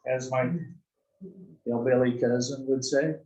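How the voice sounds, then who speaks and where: A south-central US algebra instructor lectures in a mid-range, fairly even voice, a little slow and mellow. He's folksy, fond of corny jokes and keeps asking "right?", and the muffled recording comes from a distant mic in an echoey classroom.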